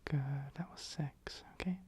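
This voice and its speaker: An ASMR performer whispers a role-play as a calm, attentive clinic assessor, giving soft, breathy instructions and gently repeating phrases. The voice is medium-pitched at a measured pace.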